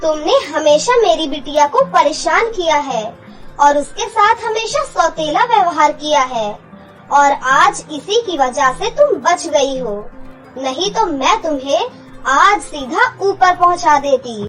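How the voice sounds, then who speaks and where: A woman's voice: high-pitched, animated, a little slow, fairly bright tone, faint music behind, rough recording. A woman voicing the protective magical spirit of a girl's dead mother in a cartoon story. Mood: stern. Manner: tender to daughter, stern to the wicked.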